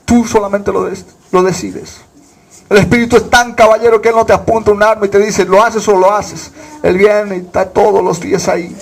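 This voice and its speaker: A man from Bolivia preaches a fervent sermon, his voice sitting high for a man. He keeps asking the congregation questions and answering them himself. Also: fairly even intonation, brisk, gravelly, faint music behind. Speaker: pastor.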